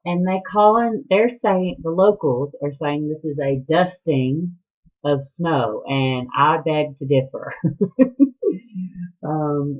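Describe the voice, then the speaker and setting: A woman from Georgia with a Southern accent, hosting a casual podcast from home, chatty and rambling and laughing often. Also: sits low. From Atlanta, Georgia. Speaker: podcast host. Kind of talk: casual video podcast chat. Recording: tinny, phone-like sound.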